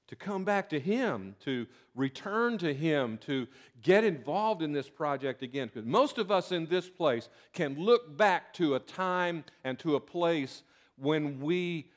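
An older man with a Southern US accent preaching a sermon from a pulpit in a church sanctuary, folksy and earnest, often restarting his words. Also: a little high. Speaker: pastor. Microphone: pulpit mic.

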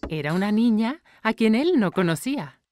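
A woman's voice: a little high, sing-song, moderate pace, a little mellow, a little hiss or hum. A woman narrating a scripted children's cartoon story. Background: music.

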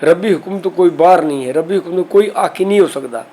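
A man with a somewhat high voice teaches a scriptural text line by line. His explanations are steady and patient, and he slows down when he recites the quoted verses. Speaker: Gurbani teacher. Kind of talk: scriptural exposition lesson.

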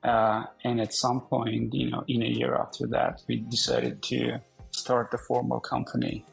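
A man's voice: medium pitch, monotone, measured pace, vocal fry, husky, soft background music, poor audio. A man in his forties from Armenia, a podcast guest speaking casually over a video call, with frequent fillers and restarts. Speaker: podcast guest, company founder. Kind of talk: casual interview talk. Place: indoor room.

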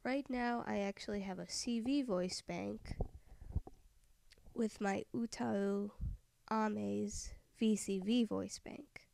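Soft, gravelly-voiced woman tutor. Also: mid-range voice, steady tone, takes it slowly. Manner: soft-spoken, often trailing into a whisper. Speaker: software tutorial maker. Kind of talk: screen-recorded software tutorial voice-over.

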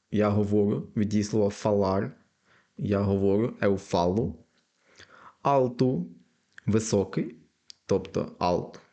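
Low-voiced man teaching a language lesson. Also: a little mellow. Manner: repeats example words slowly, patient explaining.

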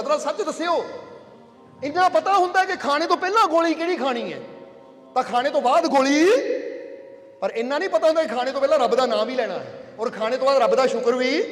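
Male preacher, storytelling sermon, checks in with the crowd, echoey room, soft music under. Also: extremely high pitch. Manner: storytelling, asks the listeners if they understand. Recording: echoey hall with faint music.

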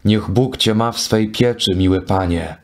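A man's voice: on the low side, moderate pace, creaky, a little mellow. A man voicing a knight disguised as a ragged madman, speaking in a strangely altered, singsong voice for a storybook reading. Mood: crafty, dreamy. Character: Tristan disguised as a ragged mad fool. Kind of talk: audiobook character reading.

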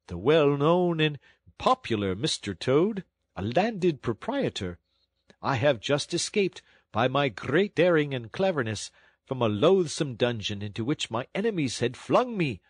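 A man voicing a boastful, excitable male toad who pleads and makes excuses in a theatrical way, in a husky voice. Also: no echo, clean studio sound, heavily acted. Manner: pleading, high-strung and theatrical. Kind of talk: audiobook storytelling.

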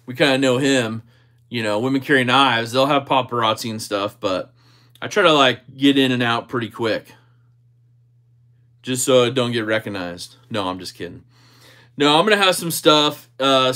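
A man with a medium-pitched voice hosts a casual livestream. He reads out and answers comments in a relaxed, conversational way, joking as he goes. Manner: jokey, easygoing. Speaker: livestream host.

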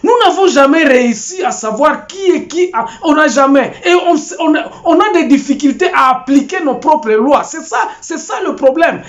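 A man's voice: extremely high pitch, normal speed, few pauses, highs cut off. An older Congolese man giving political commentary to camera from a small home office, gesturing and restarting his words. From Congo (DRC). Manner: animated, gesturing, with many repeats and restarts.

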